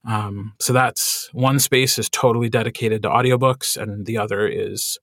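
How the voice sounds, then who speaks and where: A man who narrates audiobooks, chatting in a podcast interview with lots of fillers and animated asides. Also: lowish voice, normal speed, dry recording, studio quality.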